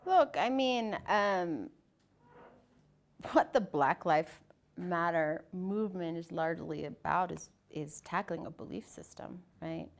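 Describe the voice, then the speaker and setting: A woman's voice: lowish voice, slow pace, vocal fry. A woman guest in an interview, talking in a reflective, emphatic way and often asking rhetorical questions. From Ethiopia. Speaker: guest, media company CEO. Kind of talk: interview discussion.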